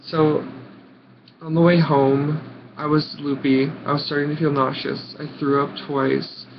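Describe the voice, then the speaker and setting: A young American man of about nineteen telling a personal story casually, in short halting phrases with dramatic emphasis. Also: fairly high pitch, level tone. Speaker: vlogger. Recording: muffled audio with clear background noise.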